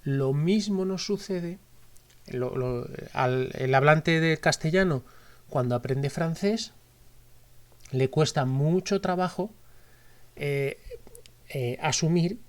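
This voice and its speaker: A man's voice: a little high, takes it slowly, long pauses. Man from Spain giving a lecture. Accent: Spanish from Spain. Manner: explanatory, repeats and corrects himself often. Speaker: teacher. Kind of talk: recorded lecture.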